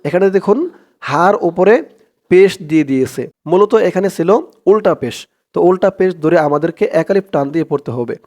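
High-voiced man teaching a prayer slowly. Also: darkish tone. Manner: slow, drawn-out chanted recitation between spoken explanations. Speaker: Arabic teacher.

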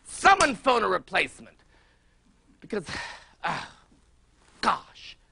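A prissy, oblivious celebrity interviewer, gushing in a bright, sharp voice that swoops wildly from low murmurs to shrill squeals. A fussy, pompous middle-aged host on a TV talk show set. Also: male voice, wildly swooping pitch, slow, creaky, breathy edge, full character voice. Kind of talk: improvised comic interview.

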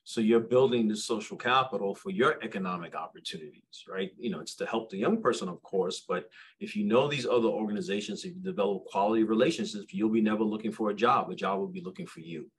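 A man's voice: on the low side, expressive, fast, a little hiss or hum, rough recording. A man who runs youth programs, speaking with energy on a video-call panel and often tossing in rhetorical "right?" questions. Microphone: webcam on a video call.

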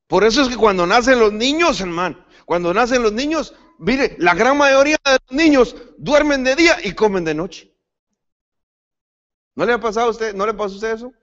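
Male pastor, preaching, lively higher voice, dull lo-fi recording, restarts words often. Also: normal speed. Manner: preaching, addresses the congregation as brother; lively pitch swings, rising to sudden emphatic peaks. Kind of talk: sermon.

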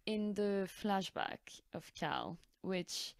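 A woman co-hosting a podcast, chatting casually and quickly with many "like" fillers. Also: medium pitch, huge pitch swings, gravelly, no echo. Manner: chatty, quick asides with lots of "like". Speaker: podcast co-host. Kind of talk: casual chat.

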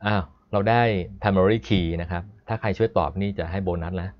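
Low-voiced guy teaching code on a stream, chatty, reads code out slow, kinda muffled lo-fi audio. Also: fairly even intonation. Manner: chatty and explanatory, stops to read code aloud slowly. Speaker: programming instructor. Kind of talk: live-streamed coding lesson.

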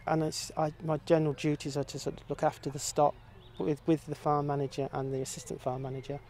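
A middle-aged man, a farm volunteer, answering interview questions outdoors in a quiet, hesitant way with many pauses. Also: a little high, flat delivery, slight background noise. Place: outdoor field.

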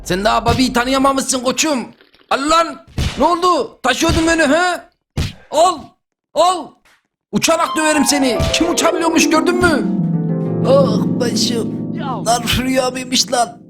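A young man doing a comic dub over gameplay, excitable and yelling in slang. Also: very high voice, unhurried, over music. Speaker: gaming YouTuber.

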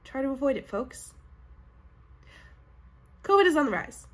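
A young Canadian woman who hosts a knitting podcast chats casually to a camera at desk distance from a home room lined with bookshelves. Her high voice is sing-song and a little slow, nasal and sniffly from a cold. She stays upbeat and chatty, often saying "like" and "um."

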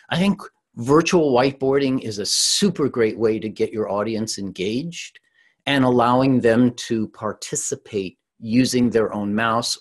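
A middle-aged man from the San Francisco Bay Area, giving a conversational webinar talk as a presentation coach over a video call. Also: mid-range voice. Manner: lively, conversational, with frequent restarts.

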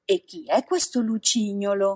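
A woman voicing a kindly female marmot in a storybook reading, speaking softly, patiently and consolingly. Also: mid-range voice, moderate pace, slightly rough, no echo, studio quality, natural voice. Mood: solemn.

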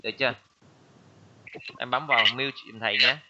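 A man's voice: mid-range voice, steady tone, normal speed, crowd noise. A male teacher running an online language class, patiently drilling words and repeating them for pupils. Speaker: English teacher. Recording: dull lo-fi audio with noise.

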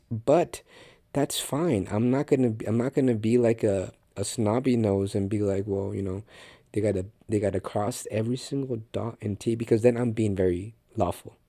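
A man's voice: on the low side, moderate pace, mellow, no room sound, clean studio sound. A man hosting a faith podcast, teaching in an earnest, conversational way with frequent restarts and direct remarks to the listener. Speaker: podcast host and Bible teacher.

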